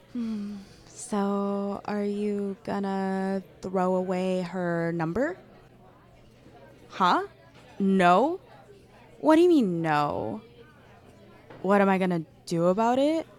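A young woman voicing a jealous girl who confesses her feelings to a friend, speaking softly and intimately to the listener. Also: mid-range voice. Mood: teasing, playful. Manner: soft, intimate, addressing the listener directly. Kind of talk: audio roleplay to a listener.

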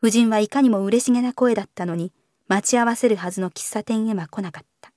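Calm woman reading a novel aloud. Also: medium pitch, dry recording, clean studio sound. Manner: calm, measured literary narration. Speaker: narrator.

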